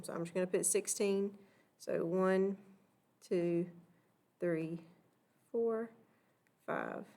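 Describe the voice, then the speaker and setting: A woman teaching a recorded math lesson, patiently walking through examples and checking in with "okay?". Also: fairly low pitch.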